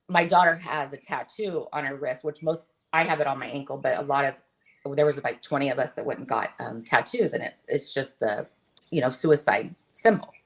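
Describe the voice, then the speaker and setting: A middle-aged woman with a notably low voice, speaking as an interview guest. She talks in an open, earnest, halting way, breaking off and restarting her sentences. Her delivery is candid and conversational. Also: rough recording.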